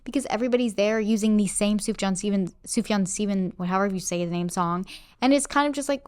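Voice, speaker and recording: A young woman co-hosting a podcast chats casually and rambles, using lots of fillers. Her medium-pitched voice is fast, a little mellow, clear and resonant, captured in a clean studio with no room sound.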